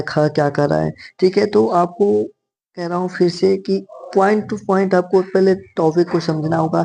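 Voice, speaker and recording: A man's voice: fairly high pitch, gravelly, darkish tone. A man with a sore throat teaching an exam-prep lesson, talking casually and often repeating "theek hai". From north India. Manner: casual, repeats "theek hai" and "bhai", reads verse slowly.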